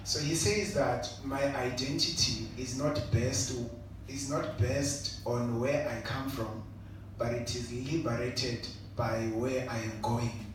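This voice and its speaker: Answering on an entrepreneurship panel, a Zimbabwean man speaks earnestly and reflectively, frequently adding "you know." His mid-range voice is slow and fairly even, captured from a distance in a noisy, echoey hall.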